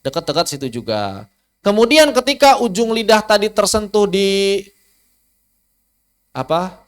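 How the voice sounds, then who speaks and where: A man's voice: sits high, big pitch swings, a little slow, clean tone. A man, teaching a Quran recitation lesson online, asking rhetorical questions and demonstrating letter sounds aloud. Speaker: ustaz teaching tajwid.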